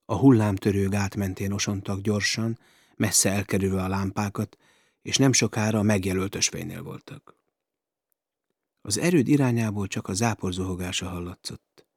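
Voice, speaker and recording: A male narrator reading an adventure novel with dramatic storytelling. His low, husky voice sits close and dry, with no room around it. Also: steady tone, a little mellow, no room sound. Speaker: audiobook narrator. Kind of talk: scripted narration.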